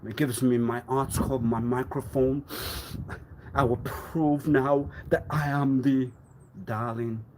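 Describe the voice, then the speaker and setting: A man rambling through a live stream monologue, swinging between loud outbursts and low muttering, often laughing and clearing his throat. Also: steady tone, slow pace, slight background noise. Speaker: livestreamer.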